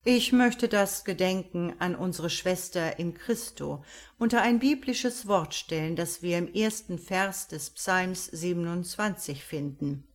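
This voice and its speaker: A woman voicing a solemn male pastor at a funeral, speaking slowly and sonorously. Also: on the low side, natural voice. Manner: slow sonorous sermon delivery. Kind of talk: audiobook character voice.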